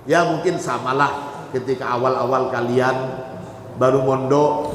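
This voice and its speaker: A man's voice: mid-range voice, steady tone, unhurried, slight background noise. A man teaching a religious text to students, reading out Arabic phrases and explaining each one in turn. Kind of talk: kitab study sermon. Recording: echoey hall with long reverb.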